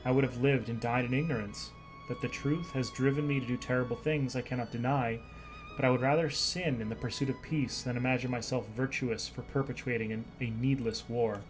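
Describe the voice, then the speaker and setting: A man's voice: mid-range voice, steady tone, a little fast, soft background music, lightly acted, poor audio. A man reading aloud the lines of an earnest young male noble scholar from a game, in a plain voice with small stumbles.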